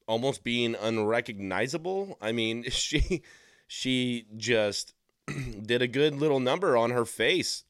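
A man with a smooth, resonant, lowish voice talks through a loose, sarcastic podcast monologue, full of ums and restarts. The sound is dry and close, with no room around it. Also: a bit bright, no echo. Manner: rambling and sarcastic, with frequent fillers. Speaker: podcast host. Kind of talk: casual opinion monologue.

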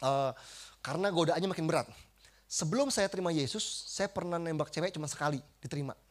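A man giving a lively testimony as a preacher, acting out quotes and swinging between loud bursts and hushed passages. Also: on the high side, fast.

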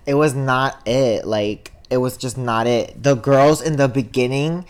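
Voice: mid-range voice, a little slow, smooth. A young adult co-hosting a podcast in casual chat, rambling with lots of "like" and "um". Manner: rambling, heavy on "like" and "um". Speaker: podcast co-host. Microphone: podcast studio mic.

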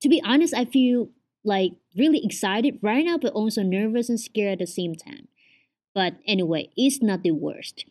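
A Vietnamese woman in her twenties, a native speaker with a Vietnamese accent, hosts her own casual solo podcast from home, chatting earnestly and often saying "like." Her mid-range voice has lively intonation and a darkish tone, at a moderate pace.

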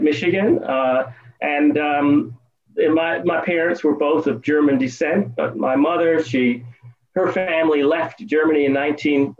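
A man in his fifties, originally from the United States, is a guest answering interview questions over a call in a casual, hesitant way, with many ums and restarts. His voice is medium-pitched and the sound is lo-fi.

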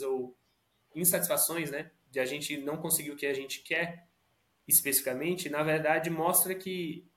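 A man's voice: on the high side, a bit bright. A Brazilian man speaking as a podcast guest in a casual, reflective conversational way. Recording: roomy echo.

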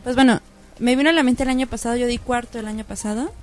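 A woman teacher with a Mexican accent telling an anecdote in an animated way, acting out what people said. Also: fairly high pitch, fast. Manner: animated, acts out quotes. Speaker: primary school teacher. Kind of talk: casual storytelling.

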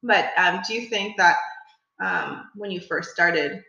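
A woman's voice: lowish voice, slow, creaky, sharp tone. A young woman co-hosting a podcast in casual chat, blunt and swearing freely, with frequent laughs. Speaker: podcast co-host, Muay Thai athlete. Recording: very echoey, dull lo-fi room sound.

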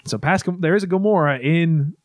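A man's voice: fairly high pitch, a little fast, a little mellow, no echo. Rambling man recapping a movie casually. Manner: rambling, full of fillers and restarts, swears casually.

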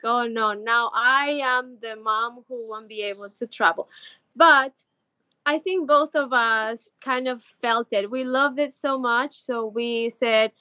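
Bright, high-pitched and forceful, this Ecuadorian woman in her thirties chats enthusiastically as a podcast guest, sprinkling in plenty of "like." The casual interview is dry.

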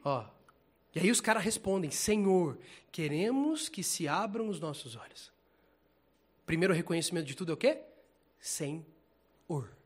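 A man preaching an informal sermon in a casual, animated, slangy way, laughing often. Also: a little high, a little slow, pauses often, husky.

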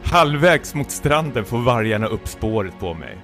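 A man's voice: medium pitch, big pitch swings, fairly bright tone, soft background music. A man co-hosting a podcast who reads his own comic fan story aloud in a playful way, often laughing as he reads. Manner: playful, breaks into laughter while reading. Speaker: podcast co-host. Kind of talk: comic reading of a self-written fan story.

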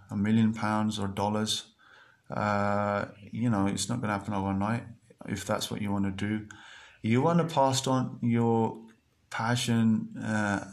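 A man with a somewhat low voice hosts his own podcast and talks straight to his listeners. He speaks earnestly and repeats himself, and his sentences are full of ums and restarts as he urges them on. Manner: earnest, repetitive, many fillers and restarts. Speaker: podcast host. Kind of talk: motivational monologue.

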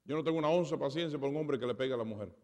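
A pastor preaching a sermon, dramatic, acting out conversations and swinging between loud and soft. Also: male voice, mid-range voice, very fast. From Spanish heritage. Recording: reverberant hall.

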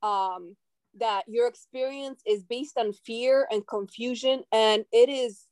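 A woman's voice: a little high, takes it slowly, darkish tone, no room sound. Reflective Russian-born woman, dry close sound. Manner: reflective, searching for words. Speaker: podcast guest. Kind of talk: casual podcast chat.

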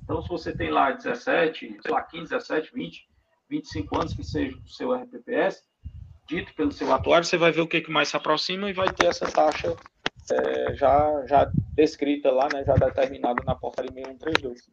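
A man's voice: a little high, fairly even intonation, gravelly, background noise. A man, a consultant guest, explaining investment rules step by step and often checking in with his listeners. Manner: fast, step-by-step explaining with frequent "né?" tags. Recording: dull lo-fi audio.

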